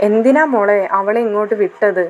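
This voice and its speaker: A woman's voice: medium pitch, fairly quick, a little mellow, dull audio, a little hiss or hum, lightly acted. A woman doing a hurt, aggrieved older sister.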